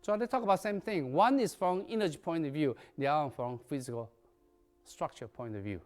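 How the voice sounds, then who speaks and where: A man's voice: fairly high pitch, brisk, darkish tone, faint music behind. A man, a native Chinese speaker, teaching a qigong lesson in emphatic, non-native English that drops articles and verbs. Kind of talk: lecture.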